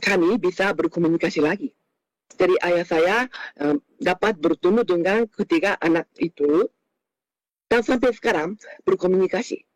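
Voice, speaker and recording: A Japanese man with a Japanese accent giving an unscripted talk in Indonesian as a foreign speaker, halting often with hesitation sounds. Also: high voice, dry recording, low-quality recording. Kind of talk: unscripted lecture with personal anecdotes.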